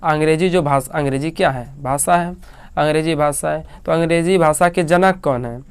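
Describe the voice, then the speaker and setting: A man's voice: on the high side, normal speed, clean tone, no echo. A man with an Indian accent teaching an English grammar lesson, asking questions and answering them himself, repeating each key fact. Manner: asks and answers his own questions, repeating key facts. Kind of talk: spoken classroom lesson.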